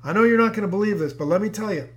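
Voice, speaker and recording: A man's voice: high voice, racing, fairly bright tone, pitched above the performer's own voice. A male preacher playing a lazy young husband in a sermon story, insisting earnestly on his strange claims.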